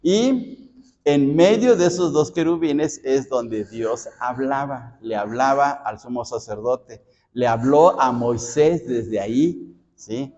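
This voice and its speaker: Mexican pastor teaching in an echoey hall. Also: male voice, mid-range voice, slow pace, darkish tone. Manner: conversational, asks the congregation "¿sí?" often, repeats words. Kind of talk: Bible study teaching. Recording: dull sound with long hall reverb.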